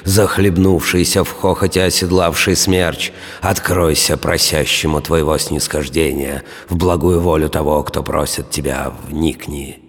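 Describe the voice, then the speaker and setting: A man voicing a solemn supplicant slowly reciting a wild fantasy invocation. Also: a bass voice, fairly even intonation, in a large hall. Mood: solemn, imploring. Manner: slow, solemn incantation.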